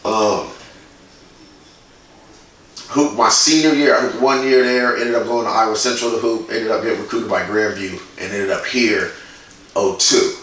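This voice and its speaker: A man's voice: fairly low pitch, steady tone, normal speed, long pauses, fairly bright tone, heavy reverb, far from the mic, a little hiss or hum, low-quality recording. A man in his forties from Indiana, a guest in a casual interview, who tells stories bluntly and swears freely. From Indiana, USA. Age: 40s. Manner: blunt, profane, storytelling. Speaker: guest, graffiti artist.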